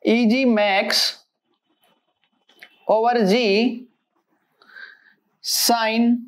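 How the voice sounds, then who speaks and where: With a fairly high-pitched voice, a woman teaches engineering, moving through equations one careful, halting step at a time.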